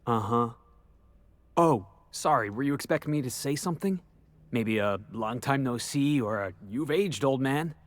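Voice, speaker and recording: A man's voice: mid-range voice, moderate pace, natural voice. An actor playing a brash, sarcastic young male crewman with a rebellious streak in a video game. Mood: hurt, sarcastic. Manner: sarcastic, animated.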